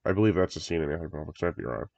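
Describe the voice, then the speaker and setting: His voice rumbles low, gravelly and a little mellow, racing along with lots of expression and no room sound. Congested after a cold, he chats eagerly about a horror movie trailer, rambling and laughing frequently, captured on dry, dull lo-fi home audio.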